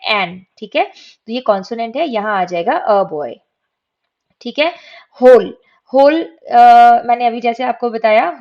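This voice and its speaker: A woman's voice: on the high side, darkish tone. A woman teaching English grammar from slides. She asks her students questions and answers them herself. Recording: dull lo-fi recording.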